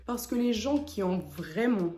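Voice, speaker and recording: Slow-talking young woman vlogger, echoey room. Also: medium pitch, lively intonation, mellow, soft background music. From French Guiana. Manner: hesitant, many fillers. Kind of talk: casual talk to camera.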